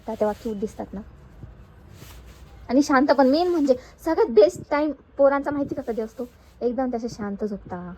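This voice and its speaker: A woman's voice: a little high, poor audio. A young woman with a Marathi accent, chatting casually and teasing playfully to a phone camera in a couple vlog. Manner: playful teasing, lively exclamations. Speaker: vlogger. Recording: loud crowd and background noise.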